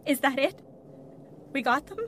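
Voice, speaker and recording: Behind her is clear background noise as an indignant motel guest in a horror-comedy audio drama. Her voice is high, and her manner is prim, skeptical and exasperated. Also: unhurried. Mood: uneasy, skeptical. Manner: prim, exasperated, sharp-tongued.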